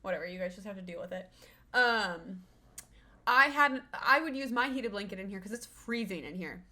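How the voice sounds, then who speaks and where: Bright-voiced chatty young woman streamer. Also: mid-range voice, expressive, moderate pace. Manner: chatty, rambling, coos baby-talk at her dog. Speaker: livestreamer. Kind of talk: casual live-stream chat. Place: her own cold room at home.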